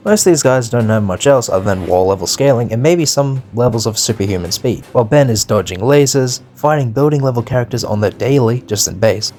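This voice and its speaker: With music running behind him, a male video host delivers opinionated commentary that's scripted but casual, peppered with slang and profanity. His voice is medium-pitched and somewhat dark in tone, and there's a slight hiss or hum on the recording.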